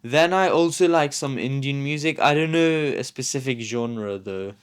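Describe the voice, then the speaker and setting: A man, answering interview questions in a thoughtful, hesitant way with frequent pauses. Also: mid-range voice, clear, resonant tone. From England. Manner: thoughtful, hesitant, many ums. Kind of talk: reflective documentary interview.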